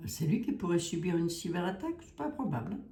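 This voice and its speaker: A clairvoyant with a Lorraine French accent does a chatty, warm card reading for her viewers, sprinkling "hein" at the ends of lines. Her voice is lowish and sing-song, and she talks fast in a reverberant space.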